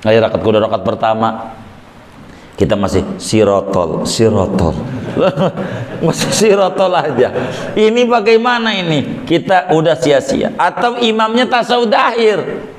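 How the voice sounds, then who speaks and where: A man teaching a weekly religious law lesson in a lively, joking way, acting out worshippers. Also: a little high, unhurried, slight background noise. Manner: lively, jokey, acts out worshippers. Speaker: Islamic teacher. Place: prayer room. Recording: echoey prayer room.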